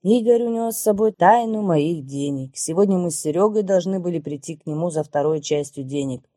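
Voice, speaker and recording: A woman narrating an audiobook in a steady, measured reading. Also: on the low side, dry recording, studio quality.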